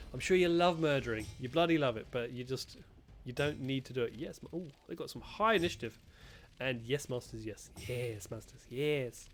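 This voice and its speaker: A man's voice: mid-range voice, slight background noise. A man, a gaming streamer, chatting playfully and sarcastically while he plays a strategy game. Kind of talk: let's-play commentary. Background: faint game music.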